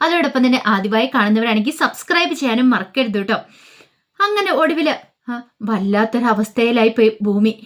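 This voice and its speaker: Woman storyteller, quick casual recap voice, filler-heavy. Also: fairly high pitch, lively intonation. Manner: chatty, hurried, many fillers. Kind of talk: casual retelling of a serial story.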